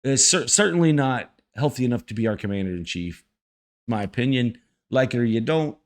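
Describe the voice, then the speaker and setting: A man's voice: medium pitch, animated, brisk. A man giving casual, folksy reaction commentary as the host of a video channel.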